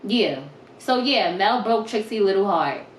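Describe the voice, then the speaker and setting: A young woman telling a storytime vlog, animated, emphatic and full of profanity. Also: medium pitch, measured pace. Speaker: vlogger. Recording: roomy with faint noise.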